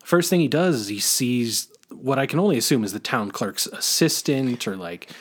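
A man talks through an old film in a loose, casual way, circling back on himself with fillers and restarts. His voice sits at an ordinary middle pitch for a man. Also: lively intonation, moderate pace, breathy edge. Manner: rambling, many fillers and restarts. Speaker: podcast co-host.

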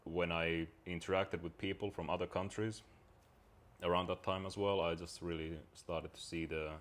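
Deep-voiced man, thoughtful and hesitant. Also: flat delivery, moderate pace. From Finland. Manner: reflective, searching for words with frequent fillers. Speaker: podcast guest. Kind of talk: casual conversation.

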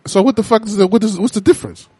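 A man's voice: high-pitched, rapid-fire, a little mellow, slightly rough, no echo. An American man debating music casually, speaking emphatically with slangy, profane talk and repeating himself for emphasis.

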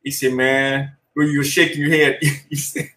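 A man's voice: fairly high pitch, level tone, bright, forceful tone. Teasing man in an echoey room. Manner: teasing, laughs while telling, drawn-out delivery. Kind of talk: casual chat.

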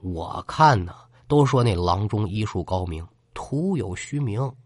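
A man's voice: on the low side, expressive, measured pace, no echo, studio quality. A man voicing a brash young man who scoffs at the gods, taunting and defiant in storytelling. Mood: mocking.

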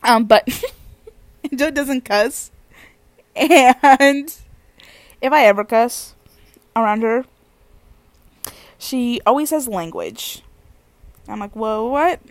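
A woman's voice: on the high side, animated, takes it slowly, pauses often, no room sound. A young woman hosting a casual solo podcast, with a slightly stuffy nose, telling rambling stories and giggling often. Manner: chatty, giggly, rambling storyteller. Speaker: podcast host.

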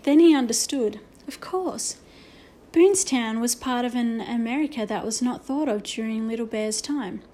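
A woman reads a children's story aloud, steady and expressive. Her voice sits a little high for a woman. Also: moderate pace, slight background noise. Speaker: audiobook narrator. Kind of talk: children's book reading.

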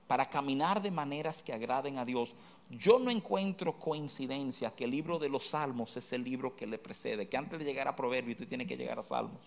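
A man teaching from the Bible, speaking earnestly and straight to the listener, with many rhetorical questions. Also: mid-range voice. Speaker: preacher.

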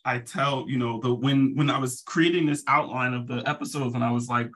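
A man's voice: medium pitch, fairly even intonation, a little fast, fairly bright tone. A man who works as a therapist, talking earnestly in a casual podcast conversation and repeating words for emphasis.

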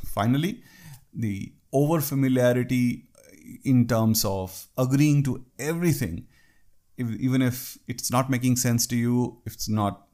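With a mid-range, slightly mellow voice, an Indian man speaking Indian English discusses workplace etiquette. His talk on office culture is conversational, sprinkled with wry asides.

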